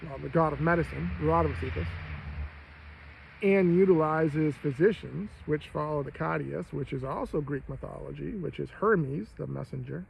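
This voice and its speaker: Gravelly American man rambling on a livestream. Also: on the high side. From Maine, United States. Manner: profane, digressive, halting. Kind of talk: rambling casual monologue to viewers. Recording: dull lo-fi audio, faint vehicle-like noise.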